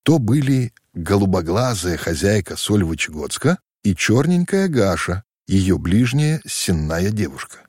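A man reading a story aloud as narrator in an expressive scripted way. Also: fairly low pitch, a little slow, few pauses, slightly rough, no room sound, clean studio sound.

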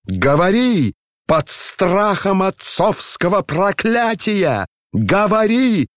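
A man's voice: deep voice, expressive, takes it slowly, no echo, studio quality. A man voicing an old, proud general who rants and bellows in outrage. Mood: roaring.

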